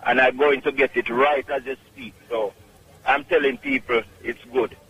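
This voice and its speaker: A man's voice: medium pitch, steady tone, normal speed, a bit bright, husky, lo-fi sound. A man with a Jamaican accent calling in to a radio show, talking emphatically and insistently. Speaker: radio caller. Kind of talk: phone-in testimonial.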